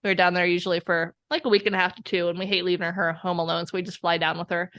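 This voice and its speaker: A woman guest in a casual conversation, telling animated stories and laughing often. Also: lowish voice, rapid-fire, highs cut off. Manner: chatty, animated storyteller who laughs often. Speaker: podcast guest.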